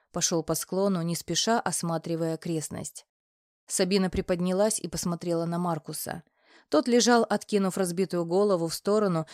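A woman reading a story aloud as an audiobook narrator, in an even, unhurried storytelling manner. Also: on the low side, no echo, studio quality. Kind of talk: scripted narration.

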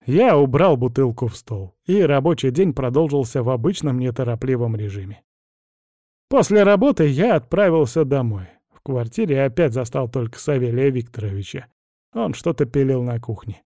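A man's voice: medium pitch, animated, normal speed, dark tone, dry recording, studio quality. A man narrating a first-person audiobook in a wry, conversational storytelling manner.

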